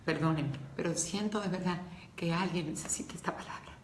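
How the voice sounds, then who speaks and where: A woman's voice: lowish voice, brisk, reverberant, slight background noise. A woman preaching a devotional talk to women, earnest and emotional, speaking straight to her listeners.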